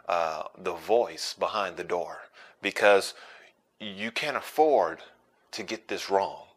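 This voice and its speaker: A man preaching a sermon as pastor, emphatic and repeating phrases for stress, sometimes dropping to a hush. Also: sits low.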